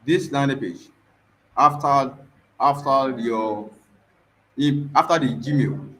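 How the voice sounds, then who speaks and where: A man on a video call whose audio keeps breaking up, repeating himself haltingly as he points out a page. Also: mid-range voice, a bit bright, rough recording. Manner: halting, repeats words while pointing things out. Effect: audio cutting out and breaking up.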